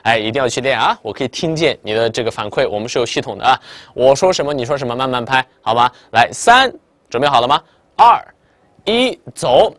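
A man teaching a lively online English listening lesson in Mandarin Chinese, often checking if the viewer follows. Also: medium pitch, fast talker, no echo. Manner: lively, chatty teacher, quizzing the viewer with "明白了吗". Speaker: English test tutor.

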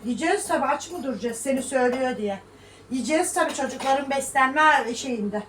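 High-voiced woman chatting in an echoey kitchen. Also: animated, fairly quick, fairly bright tone, recorded from a distance. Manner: chatty, scolding and mocking critics with laughs. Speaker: vlogger. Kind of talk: casual cooking vlog, talking to viewers. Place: home kitchen. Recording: echoey room, voice a little off-mic, faint room noise.

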